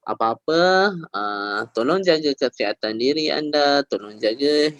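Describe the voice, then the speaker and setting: A male schoolteacher talks students through a recorded lesson in a gentle, encouraging way. He repeats example sentences with shifting intonation, and his voice sits at an ordinary pitch in a dry, close recording. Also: lively intonation, a little slow, no echo, lo-fi sound. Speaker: teacher. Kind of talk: online grammar lesson.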